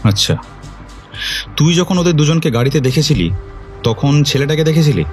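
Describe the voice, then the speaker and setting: An actor playing a commanding police detective who questions witnesses firmly. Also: male voice, a little high, lively intonation, normal speed, faint music behind, natural voice. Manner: firm, authoritative questioning.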